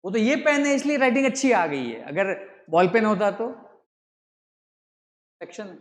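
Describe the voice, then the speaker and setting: A man's voice: high voice, big pitch swings, normal speed. A man teaching a class, constantly quizzing students with rhetorical questions, recorded in a large classroom. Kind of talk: classroom lecture. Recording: echoey hall with long reverb.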